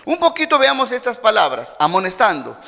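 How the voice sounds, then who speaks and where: A Peruvian pastor preaching in an animated, bright voice that rides high and swoops widely. He acts out quoted voices as he teaches, and his words ring with a long church-hall reverb. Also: brisk, creaky. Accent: Peruvian Spanish. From Peru. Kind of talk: sermon.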